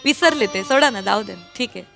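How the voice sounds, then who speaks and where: A woman's voice: on the high side, animated, fairly quick, creaky, pushed and bright, soft background music. A woman playing a put-upon wife in a stage comedy sketch, pleading and complaining to her husband's friend. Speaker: comedic actress playing the sister-in-law.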